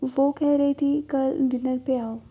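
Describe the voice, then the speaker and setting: A woman voicing a soft-spoken, calm young female teacher, in a storybook reading. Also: high-pitched, slow, husky, heavily acted. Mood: calm, unsure. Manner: soft, restrained.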